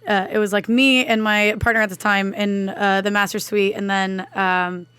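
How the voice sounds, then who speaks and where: A woman's voice: medium pitch, level tone, moderate pace, a bit bright, clear, resonant tone, no room sound. A young woman chatting casually as a podcast guest, agreeable and slangy, often chiming in. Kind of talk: casual chat.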